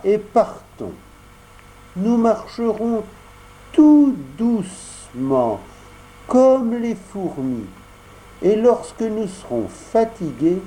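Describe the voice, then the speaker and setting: A bright, raised voice for an earnest wooden puppet boy, proud and emphatic in his speech, as a man puts him on while reading a storybook. The delivery sweeps up and down with feeling, slow and deliberate. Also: sits high, voice pushed up, heavily acted, low-quality recording. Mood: gentle. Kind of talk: audiobook character voice.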